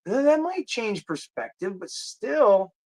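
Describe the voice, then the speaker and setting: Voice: medium pitch, very animated, slow pace, a little mellow. A livestream host in casual chat, rambling, searching aloud for titles and answering viewer comments. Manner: chatty, drifts off topic.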